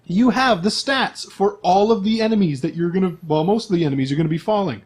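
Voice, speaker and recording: A game master with a high-sitting, slightly rough voice talks fast as he walks the group through a tabletop RPG. His narration and explanations are loose and conversational, full of jokes.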